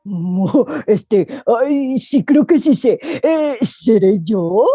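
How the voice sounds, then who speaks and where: A woman's voice: fairly high pitch, animated, very slow, mellow, slightly rough, no echo, studio quality, faint music behind, exaggerated voice. A woman voicing a chubby, good-natured, hesitant male hippo in a told children's tale. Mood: easygoing.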